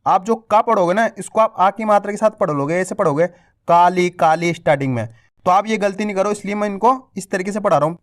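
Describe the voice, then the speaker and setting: A man's voice: high voice, fast talker. A man teaching reading, saying each syllable and then blending the syllables into whole words. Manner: stretches long vowels to teach them. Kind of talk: slow word-by-word reading lesson.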